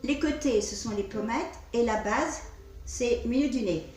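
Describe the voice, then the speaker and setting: Heard from a distant microphone in an echoey room, this woman speaks at normal speed in a slightly high, somewhat mellow voice. She's a singing teacher who has a cold, demonstrating vocal technique to her students, frequently repeating herself and describing her gestures aloud.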